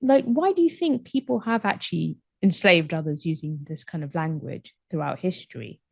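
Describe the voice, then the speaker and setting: A woman podcast host asking questions in a warm, chatty way, full of likes and you knows. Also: lowish voice, lively intonation, moderate pace, gravelly, no room sound, clean studio sound. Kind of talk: podcast interview.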